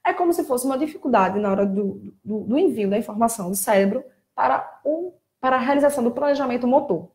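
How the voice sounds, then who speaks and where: A Brazilian woman who works as a child speech therapist talks casually on a live stream, explaining things plainly and getting animated when she mimics children. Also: a little high, fast talker, few pauses. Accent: Brazilian Portuguese.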